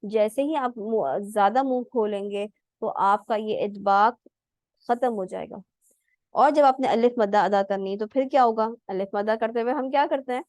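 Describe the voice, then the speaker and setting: A woman with a somewhat high voice leads an online recitation class, explaining patiently and demonstrating each sound herself. The recording is dry and close, with no room echo. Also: normal speed, a little mellow. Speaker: Quran recitation teacher.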